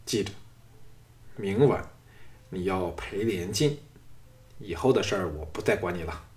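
A man's voice: low-pitched, expressive, a little slow. A man voicing a lecherous, scheming middle-aged nobleman who talks in a leering, commanding way. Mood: cold, sneering.

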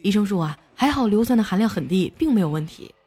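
A young adult woman hosting a comedy show, reading listener jokes aloud in a playful, lively way and chuckling at them. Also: fast. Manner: playful, chuckles at the jokes, jumps high for quoted voices. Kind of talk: lively comic joke reading. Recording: background music under the voice.

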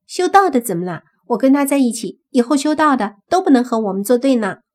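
A woman reading an audiobook and voicing a feisty, sharp-tongued young woman with pert, quick retorts. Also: high voice, animated, pitched above the performer's own voice. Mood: defiant.

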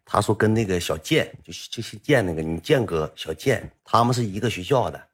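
A man's voice: fairly low pitch, animated, fairly quick, breathy edge. A man telling a comic story about his own life in a colloquial, rambling way.

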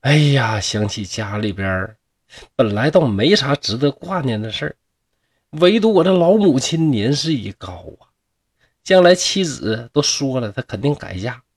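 Dying peasant, suspicious and bitter, Northeastern Mandarin accent, husky and lively, read by a storyteller. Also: male voice, medium pitch, moderate pace. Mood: lamenting. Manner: pleading, folksy.

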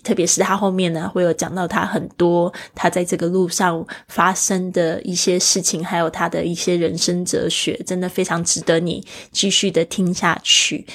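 A woman hosting a language lesson, patiently explaining English words and spelling them out letter by letter. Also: fairly low pitch. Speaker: English teacher and podcast host. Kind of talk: bilingual vocabulary lesson.

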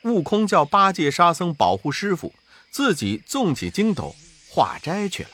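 A man narrating a classic storybook tale with expressive rises and falls. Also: sits high, normal speed. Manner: expressive, rising and falling for effect.

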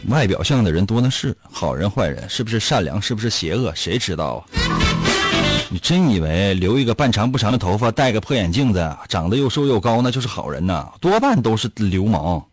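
A man hosting a radio show, reading listener messages and teasing them in lively storytelling. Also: fairly low pitch, fairly quick. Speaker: radio host. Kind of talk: late-night call-in radio chat. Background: loud background music.

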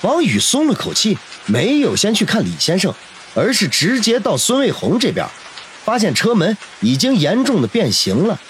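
A man narrating a novel in a dramatic, expressive storytelling voice. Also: high voice, normal speed, a little hiss or hum. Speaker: audiobook narrator.

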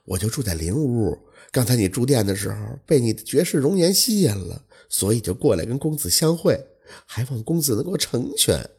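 A man's voice: mid-range voice, very animated, a little fast, darkish tone, slightly rough, heavily acted. A man voicing a young female ghost who pleads sorrowfully for help, in a storytelling performance. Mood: coaxing.

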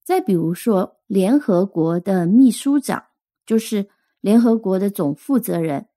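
Woman doing an english vocab lesson, dark mellow voice, dry close sound, spells stuff out slow. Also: mid-range voice, animated, dry recording. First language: Chinese. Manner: slow, careful spelling and pronunciation drills.

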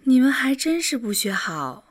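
A woman's voice: mid-range voice, big pitch swings, brisk, a bit bright, dry recording, clean studio sound. A woman voicing a young woman who playfully scolds like an elder sister, in an audiobook. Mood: teasing. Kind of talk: audiobook character voice.

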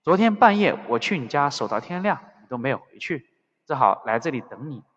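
A man puts on a talkative underling agent, eager to please and quick to pour out his troubles. He rattles on in an effusive rush at a middle pitch. A long hall reverb and a dull, muffled sound hang over him. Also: expressive, fairly bright tone. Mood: urgent. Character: eager male subordinate agent, talkative and fawning.

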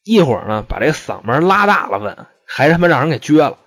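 A man's voice: fairly high pitch, big pitch swings, brisk, a bit bright. Slangy man telling a crime story. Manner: slangy, profane, chatty. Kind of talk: casual true-crime storytelling.

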